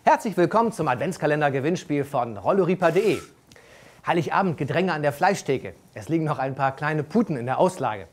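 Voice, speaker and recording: Middle-aged male host, slightly high voice, jovial upbeat giveaway announcements. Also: animated, fairly quick. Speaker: host of a company prize draw.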